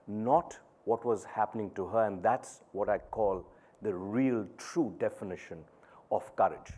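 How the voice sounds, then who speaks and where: A middle-aged man giving a keynote speech on stage, telling a personal story in an earnest, deliberate way with pauses between phrases. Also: fairly low pitch, a little mellow. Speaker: keynote speaker. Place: conference stage before an audience.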